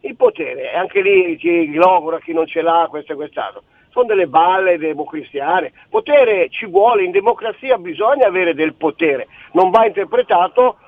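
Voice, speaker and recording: A man's voice: high-pitched, animated, normal speed, no echo. A man calling in to a radio talk show over a telephone line, arguing his point in an insistent, rambling way. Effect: heard over a telephone line. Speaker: caller. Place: on a phone, away from the studio. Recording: tinny phone line, dry.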